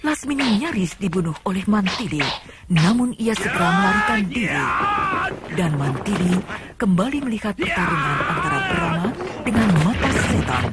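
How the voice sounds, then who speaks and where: A woman's voice: medium pitch, sing-song, normal speed, over loud music. A woman narrating an old radio drama in a dramatic storytelling manner, heard from an old radio play recording. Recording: old tape with loud hiss.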